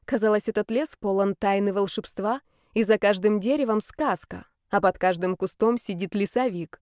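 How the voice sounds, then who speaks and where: A woman narrating a novel in the first person, wry and even. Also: mid-range voice, normal speed, dry recording, studio quality. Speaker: audiobook narrator.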